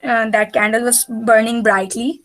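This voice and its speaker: Higher-pitched woman tutoring, hesitant. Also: little pitch movement, normal speed, fairly bright tone, low-quality recording. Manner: hesitant, repetitive explaining in simple words. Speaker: mother tutoring her child in English reading. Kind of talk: informal reading lesson, explaining a story.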